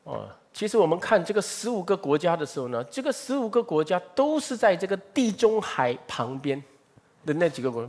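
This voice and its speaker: A man preaching a sermon, explaining a scripture passage and often asking his listeners "right?". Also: fairly high pitch. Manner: lively, asks the audience "right?" often.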